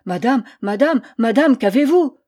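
A woman's voice: fairly high pitch, expressive, a little slow, darkish tone, slightly rough. Woman reading as a flustered stern priest. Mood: alarmed. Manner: commanding, agitated. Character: flustered male priest, stern with his pupils.

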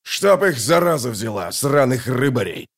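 A male audiobook narrator voicing a grumpy man who curses gruffly. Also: medium pitch, moderate pace, voice pushed up, close to an everyday voice. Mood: angry. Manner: cursing, gruff.

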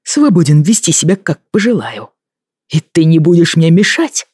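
A proud, hot-tempered young Scottish husband, read aloud by a storyteller presses his words out in clipped, forceful bursts that climb toward shouting. The recording is close and dry, with no room sound. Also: medium pitch, sing-song, normal speed, breathy edge, no echo. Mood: furious.

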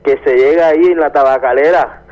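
Middle-aged guy on the phone into a radio show, laid-back, slightly high voice. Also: a little fast, highs cut off. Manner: laid-back, sends shout-outs. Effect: over the phone. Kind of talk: casual call-in chat.

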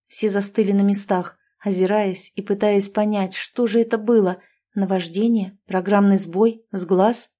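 A woman narrating a novel as an audiobook. Her reading is expressive and lively, in a mellow, dark tone at a middle pitch. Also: a little slow.

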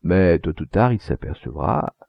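A man voicing a grave, measured young painter in a storybook reading. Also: sits low, lively intonation, gravelly, no echo, voice pushed down, heavily acted. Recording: dull lo-fi recording.

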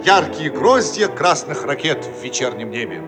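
Loud music backs a man whose high voice narrates a radio play with a solemn announcer's air. The scripted, declamatory reading has a sing-song lilt and moves at a moderate pace.

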